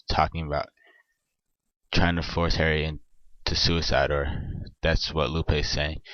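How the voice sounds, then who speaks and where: A man with a nasal voice from a cold, giving casual spoken commentary on a song and pausing often with ums and restarts. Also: low-pitched, no echo, lo-fi sound. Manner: hesitant, many ums and restarts. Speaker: video maker explaining song lyrics.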